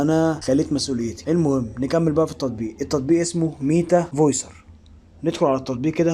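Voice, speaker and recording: Male Egyptian tutorial presenter, fast talker, slightly high voice, informal walk-through delivery. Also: warm tone. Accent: Egyptian Arabic. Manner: informal, step-by-step explaining. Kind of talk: casual spoken screen-recording tutorial.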